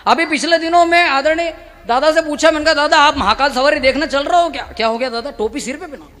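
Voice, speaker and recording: Male stand-up comic poet, very high bright voice, acts out the voices of the people in his stories, on stage with a mic. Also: quick pace, a little hiss or hum. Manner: animated, acts out quoted voices, playful audience asides. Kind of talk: humorous stage storytelling. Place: stage before a live audience. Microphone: stage microphone.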